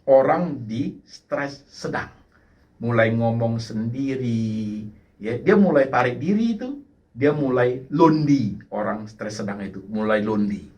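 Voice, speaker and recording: Animated pastor preaching. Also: male voice, medium pitch, unhurried. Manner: mixes English words into his speech. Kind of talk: sermon.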